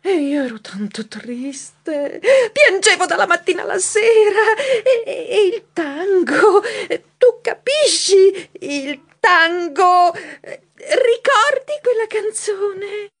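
A tearful young mouse lady, played by a woman in a storybook audio tale, her voice very high and squeaky. She talks in slow, sobbing, halting phrases, stumbling over her words. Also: animated, heavily acted. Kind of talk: audiobook character voice.

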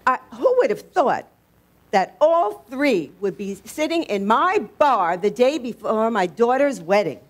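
A woman acting as a defensive, proud single mother who runs a bar, speaking slowly and emphatically in an amateur stage scene. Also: a little high, sing-song.

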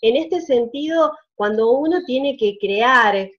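A woman's voice: a little high, animated, slow pace. Woman interviewer, muffled sound. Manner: asks long winding questions, frequent "ujú" backchannels. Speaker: interviewer, host. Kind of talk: conversational interview.

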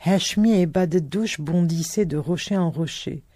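A reader narrating a novel aloud in slow, measured prose. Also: medium pitch, warm tone, dry recording, studio quality.

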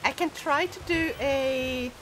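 Speaking slowly in a high, somewhat bright voice, a young woman from Sweden laughs and giggles a lot as she games on a live stream and reads chat messages aloud. Her Swedish accent is mixed with British, Scottish and Irish touches, and the recording is rough with a little hiss or hum.

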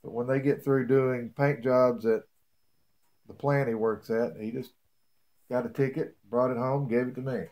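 A man's voice: mid-range voice, fairly even intonation, normal speed, dull audio. A man demonstrating a woodworking job in his home workshop, talking in a plain-spoken, folksy way with rambling asides. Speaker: beekeeper showing a woodworking build. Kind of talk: casual how-to demonstration.

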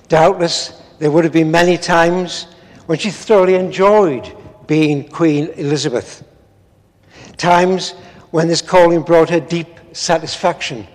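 An older man, a priest preaching a measured, earnest sermon read from notes in a large stone church. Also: a little high. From England. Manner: measured, earnest, with solemn pauses. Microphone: far camera, no visible mic. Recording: long church reverb.

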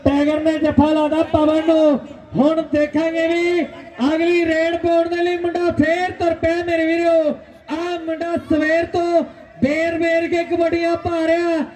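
Male kabaddi commentator, very high-pitched with little variation, excited delivery, rallies the crowd. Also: measured pace. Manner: rousing, repeats phrases, calls on spectators. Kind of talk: excited live sports commentary. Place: outdoor village kabaddi ground.

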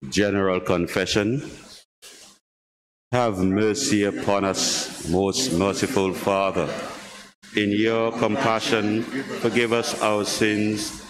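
A man leading a church service at a pulpit microphone, reading prayers and scripture in a measured, solemn way. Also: on the low side, level tone. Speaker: officiant leading worship. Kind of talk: liturgical reading. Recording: long church reverb with background hiss.

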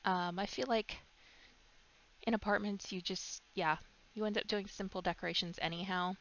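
A woman's voice: medium pitch, steady tone, normal speed, fairly bright tone. Stuffed-up young woman rambling casually. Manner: chatty and rambling, many ums and likes. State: stuffed up with a cold. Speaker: gaming YouTuber. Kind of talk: casual voice-over commentary. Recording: slightly dull lo-fi mic.

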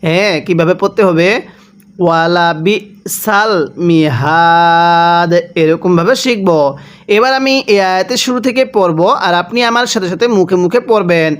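A man teaching Quran reading, spelling out words and chanting them slowly for the listener to repeat. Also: high voice. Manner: drawn-out chanted recitation, asks and answers himself. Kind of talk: slow spelled-out recitation lesson.

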